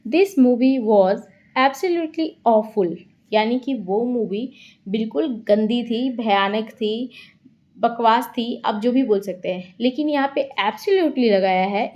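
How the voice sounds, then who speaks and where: A woman teaching English vocabulary, explaining words slowly and stressing each example sentence. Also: on the high side, lo-fi sound. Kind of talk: vocabulary lesson.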